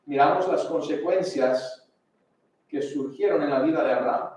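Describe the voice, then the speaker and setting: A male pastor preaching a sermon, emphatic, slowing down and dropping to a hush to stress his words. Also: fairly high pitch. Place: church sanctuary. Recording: very echoey sanctuary from far off.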